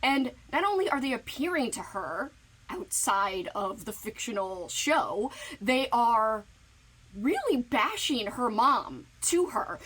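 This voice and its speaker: A woman's voice: a little high, sing-song, slow pace, a bit bright, breathy edge, rough recording. A woman booktuber giving playful, giggly book recommendations in a casual recorded message.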